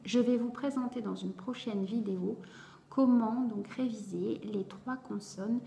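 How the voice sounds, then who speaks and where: A woman tutor explaining how to teach a child to read syllables, sounding each one out slowly and clearly and praising often. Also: on the high side, fairly even intonation, warm tone, slight background noise. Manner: slow, carefully articulated syllables, encouraging. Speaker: reading tutor for young children. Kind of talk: instructional video explaining phonics. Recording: roomy echo.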